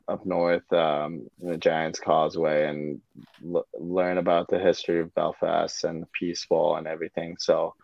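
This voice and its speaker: A native Japanese speaker in his twenties with a North American accent answers interview questions as a guest ice hockey player, hesitant and full of fillers and restarts. His low, gravelly voice has a darkish tone in a dry, dull lo-fi recording.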